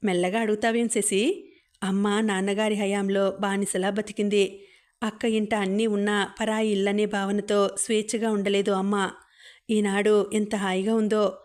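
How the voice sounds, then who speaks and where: A woman's voice: medium pitch, little pitch movement, moderate pace, close to an everyday voice. A woman reading a teasing young husband. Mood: warm, teasing. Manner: playful, gently reasoning.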